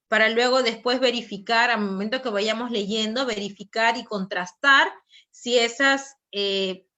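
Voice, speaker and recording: A woman from Peru explains classroom strategies in a Peruvian Spanish accent. Her voice is bright and slightly high. She talks in a loose, conversational way, pausing on fillers and tag questions. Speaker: teacher. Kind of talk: online teacher training talk.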